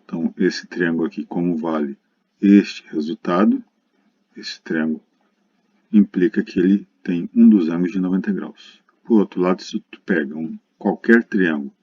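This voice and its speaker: A Brazilian man lectures on math in a recorded lesson, addressing students directly in an explanatory way. His low voice is slightly rough and moderately paced, and the lo-fi audio is dull and muffled.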